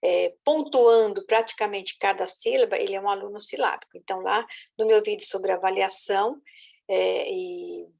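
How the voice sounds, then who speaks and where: A woman's voice: mid-range voice, fairly even intonation, normal speed, vocal fry, darkish tone. A woman teacher patiently explaining how children learn to write, often checking in with her listeners. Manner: patient, with many "né?" and "tá?" check-ins. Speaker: literacy teacher.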